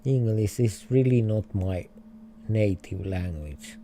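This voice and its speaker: This livestreamer, a man with a Finnish accent, gives casual commentary on a geography game, musing out loud in halting English punctuated by chuckles. He speaks slowly in a lowish, dark voice over slight background noise.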